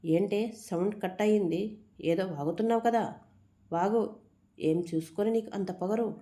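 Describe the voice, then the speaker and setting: A woman's voice: medium pitch, normal speed, warm tone, close to an everyday voice. A woman reading a storybook, voicing a cruel young male villain who taunts and threatens. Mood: sneering. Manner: sneering, threatening.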